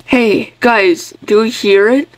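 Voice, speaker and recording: A woman chatting away over a game she is playing, excitable and stumbling over her restarts. Her voice sits a little high, and she talks slowly and draws her words out. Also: poor audio. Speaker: gaming video creator. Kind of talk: casual gameplay commentary.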